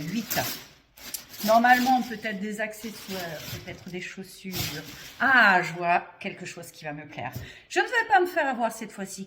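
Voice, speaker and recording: A woman's voice: mid-range voice, background noise. A woman vlogger chatting playfully to her viewers as she unboxes and reviews clothes. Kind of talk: casual unboxing chat.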